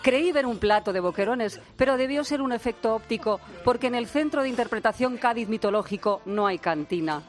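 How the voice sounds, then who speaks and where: A woman's voice: a little high, lively intonation, fairly quick, hardly any pauses, soft background music. A woman radio host delivering a humorous diary column in a wry, playful manner.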